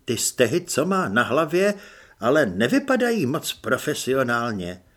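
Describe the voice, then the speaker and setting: Man voicing a young woman disguised as a recruit, audiobook, dry, guarded, bright. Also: mid-range voice, very animated.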